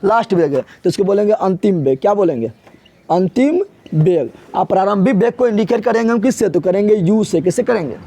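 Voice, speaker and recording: High gravelly male teacher drilling students. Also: fast, few pauses, warm tone. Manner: asks a question then answers it himself, repeats key terms; casual, colloquial, addresses students directly. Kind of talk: exam-prep physics lesson.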